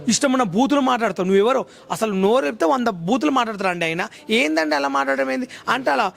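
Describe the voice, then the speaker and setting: A man's voice: extremely high pitch, fast talker, creaky, a bit bright. A man, giving a heated interview and mimicking others in broken English.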